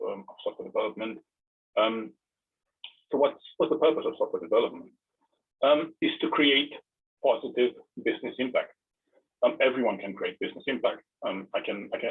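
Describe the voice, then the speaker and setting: A low-voiced man, giving a tech talk. His voice is very husky and breathy, and he often stumbles and repeats words before going on. The sound is narrow and tinny, like a phone line. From Romania. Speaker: tech presenter. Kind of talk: online tech presentation.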